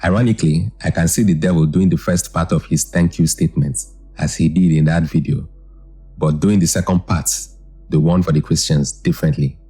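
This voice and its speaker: A man with an extremely deep voice gives an earnest, measured commentary. His tone is dark and husky, with faint music underneath. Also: steady tone. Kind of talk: scripted commentary narration.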